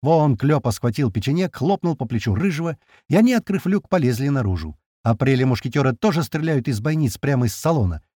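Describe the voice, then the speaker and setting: A male narrator telling a first-person action story with tense, lively drive. His husky voice swings widely in pitch. The recording is dry, with no room sound. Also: brisk, no echo. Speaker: audiobook narrator.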